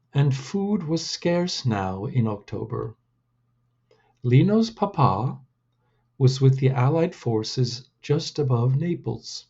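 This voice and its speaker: A man reading his own storybook aloud in a deliberate, measured way. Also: mid-range voice, mellow, slightly rough, highs cut off.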